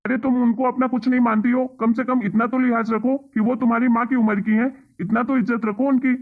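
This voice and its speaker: A man's voice: very high-pitched, little pitch movement, fairly quick. Man voicing a pleading husband, tinny sound. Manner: pleading, reproachful. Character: patient husband pleading for his mother. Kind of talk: cartoon story voice acting.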